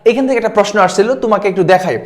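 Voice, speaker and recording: Guy with teaching exam prep, rattles along fast, keeps repeating words. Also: sits high. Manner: quick, repeats words, asks "ঠিক আছে?". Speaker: admission test tutor.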